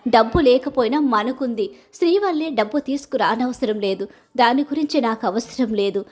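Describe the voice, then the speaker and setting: A stern middle-aged mother-in-law scolds her household, as a woman puts her on, her high voice pressing each point slowly and with indignation. It is a storybook-style recap voice, not a full character performance. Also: darkish tone, lightly acted. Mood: scolding. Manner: indignant, scolding, drawn-out emphatic phrasing.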